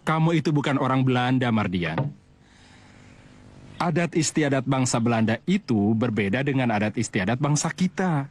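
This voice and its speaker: An actor playing a stern aging father who lectures his son in a measured way. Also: mid-range voice, lively intonation, close to an everyday voice. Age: older. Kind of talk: TV drama acting.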